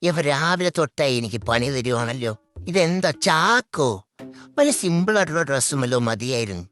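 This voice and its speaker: A man's voice: fairly high pitch, sing-song, normal speed, fairly bright tone, faint music behind. A man voicing the inner thoughts of a cheeky, scheming toddler boy, confiding mischievously to viewers in a comic voice-over.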